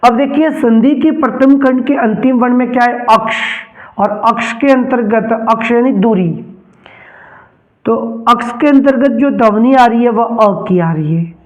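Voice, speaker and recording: Guy teaching grammar real slow, says every word twice, high voice. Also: lo-fi sound. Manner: slow, repeats each term, asks and answers his own questions. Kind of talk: Hindi grammar lesson.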